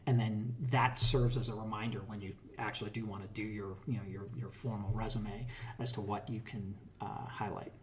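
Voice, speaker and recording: A middle-aged man with a Boston accent, a tech hiring manager, giving advice in a relaxed, casual interview with plenty of fillers and restarts. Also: fairly low pitch, moderate pace, crowd noise.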